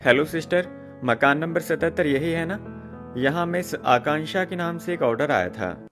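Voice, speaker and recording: A man's voice: fairly high pitch, animated, normal speed, music in the background, pitched above the performer's own voice. A man voicing a cheerful young male delivery boy in a cartoon, with a polite, chirpy manner.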